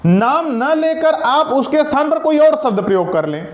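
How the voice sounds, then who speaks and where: A man teaching a recorded grammar lesson. He asks questions, answers them himself, and repeats key sentences slowly. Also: very high voice, big pitch swings, roomy sound.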